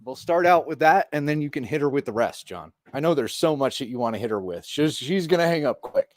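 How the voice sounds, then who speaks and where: A man's voice: medium pitch, animated, fairly quick, no room sound. A man hosting a casual call-in chat, swearing freely and laughing often while he feels the cold. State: cold and trying not to shiver. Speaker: podcast host making calls.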